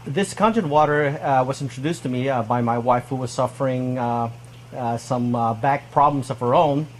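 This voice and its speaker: A man's voice: mid-range voice, normal speed, a little hiss or hum. Hesitant man with frequent uhs. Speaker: customer giving a testimonial. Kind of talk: unscripted testimonial.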